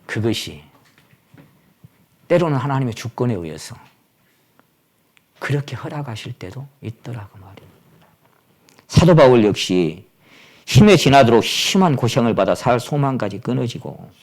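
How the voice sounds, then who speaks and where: Male preacher in a sermon, animated and wide-ranging, dramatic swings from loud exclamations to hushed whispers. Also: mid-range voice, normal speed, pauses often. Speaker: pastor.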